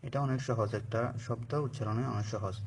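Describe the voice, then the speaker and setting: A man's voice: mid-range voice, moderate pace, vocal fry, slightly rough. A man teaching Arabic letter pronunciation for Quran reading, patiently drawing out each letter as a model for learners to repeat. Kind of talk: slow recorded lesson on letter pronunciation.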